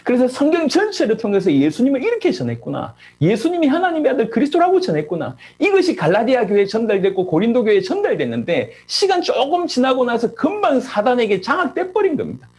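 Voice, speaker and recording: A man's voice: very high-pitched, darkish tone, breathy edge. A middle-aged male pastor preaching a sermon with passion, his voice leaping up on rhetorical questions.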